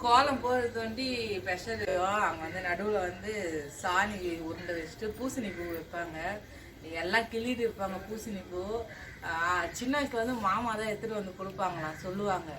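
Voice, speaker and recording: A young woman talking to her followers in a relaxed vlog, calling them friends as she walks around outside. Her voice sits at a middling pitch, and the phone picks up clear outdoor noise around her. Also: moderate pace. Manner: chatty, addresses viewers as friends. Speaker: vlogger. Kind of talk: casual vlog narration. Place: outdoors at a village house and street. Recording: noisy outdoor phone recording.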